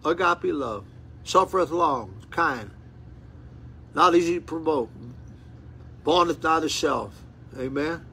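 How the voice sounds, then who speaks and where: A man's voice: on the high side, expressive, slow, creaky, pauses often, sharp tone, a little hiss or hum. A man in his eighties preaching while seated, reading scripture aloud and breaking into fervent exclamations, recorded on a phone camera in a small room. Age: 80s. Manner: fervent, rising to exclamations, repeats words and restarts. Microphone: phone camera at close range.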